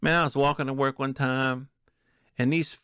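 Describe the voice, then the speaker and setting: A man hosts a solo podcast, riffing off the cuff in a streetwise, colloquial style peppered with profanity. His mid-range voice is steady, sharp and clean at a moderate pace, captured as a dry, clean studio recording.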